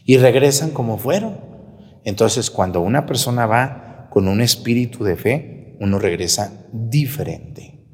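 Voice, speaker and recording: A man preaching a lively, teasing sermon as a priest. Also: mid-range voice, unhurried, big-room sound. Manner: animated, mocking, preaching to the congregation. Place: church.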